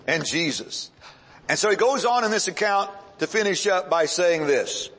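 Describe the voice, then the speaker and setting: A man preaching a sermon as pastor, swinging his voice up and down and drawing words out for emphasis. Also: fairly bright tone. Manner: preaching with sweeping pitch swings and dramatic pauses. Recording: long hall reverb.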